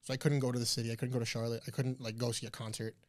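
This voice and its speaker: Animated, profane young man. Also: mid-range voice, rapid-fire. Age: 20s. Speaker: podcast guest. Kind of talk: casual interview chat.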